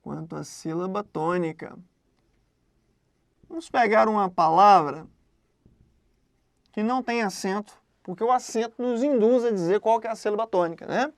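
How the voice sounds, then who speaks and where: A woman's voice: mid-range voice, moderate pace, pauses often, dry recording. Woman teaching, chatty and dry. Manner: conversational, checks in with tag questions. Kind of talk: exam-prep grammar lesson.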